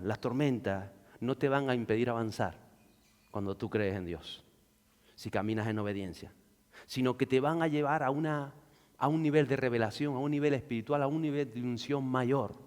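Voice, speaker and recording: Preaching man in a reverberant hall. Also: moderate pace. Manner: swings from loud shouts to hushed lows; acts out the voices of the figures he reads about. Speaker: pastor. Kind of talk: sermon.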